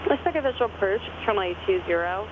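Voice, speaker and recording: A voice reading a recorded airport weather broadcast in a flat, steady recitation of numbers, heard over an aircraft radio. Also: medium pitch, fast. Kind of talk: recorded weather and runway information readout. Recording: narrow radio band with clear cockpit noise.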